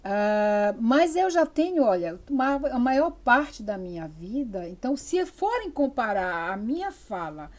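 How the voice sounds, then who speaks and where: An older woman with a Brazilian Amazonas accent gives a university lecture. Her voice sits somewhat high, and her delivery is conversational and digressive, with frequent fillers and restarted phrases. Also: sing-song, a little slow, few pauses, a little mellow. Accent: Amazonas interior Brazilian Portuguese. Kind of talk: spoken lecture.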